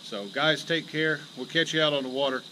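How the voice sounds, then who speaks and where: Out on a lake in a small boat, a man from Illinois hosts his fishing vlog, excited and short of breath, wandering through folksy outdoor chatter full of fillers. His voice is a little high and fairly quick, and the boat's action camera picks up loud wind and water outdoors.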